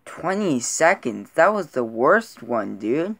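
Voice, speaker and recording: A man's voice: mid-range voice, very animated, takes it slowly, creaky, fairly bright tone. Laid-back joking young man vlogger. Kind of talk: casual chat.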